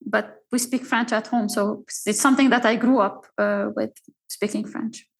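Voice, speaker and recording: Appearing as a podcast guest, a middle-aged Algerian woman whose first language is Arabic lets her accent show plainly in every phrase. Her voice is a little high, steady in tone and creaky, and she speaks haltingly, pausing on fillers and restarting sentences as she shares stories in a casual interview.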